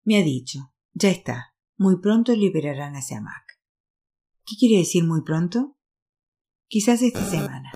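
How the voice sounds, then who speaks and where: A woman's voice: fairly low pitch, animated, unhurried, warm tone. A woman reading a novel aloud, voicing an insistent, bossy sister who turns firm and soothing by turns. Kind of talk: audiobook reading.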